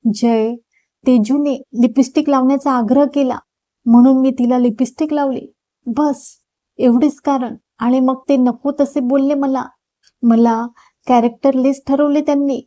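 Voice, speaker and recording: A woman's voice: high voice, fairly even intonation, unhurried, dark tone. Woman reading as a tearful hurt young woman. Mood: upset. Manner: sorrowful, complaining.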